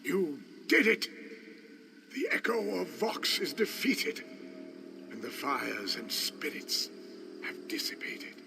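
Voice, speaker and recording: An actor playing a weary, dying townsman in a fantasy game, speaking in halting gasps like a wounded man. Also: fairly high pitch, wildly swooping pitch, creaky, background noise, heavily acted. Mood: gasping, dying relief. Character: dying townsman spirit, solemn, weary, defiant.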